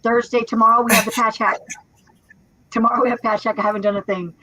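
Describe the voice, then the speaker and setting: Husky-voiced woman in her fifties, co-hosting, talks in loose rambling bits. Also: fairly high pitch, flat delivery, fast, bright, forceful tone, dry recording, rough recording. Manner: chatty, rambling with restarts and laughs. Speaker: co-host. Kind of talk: casual chat on a live stream.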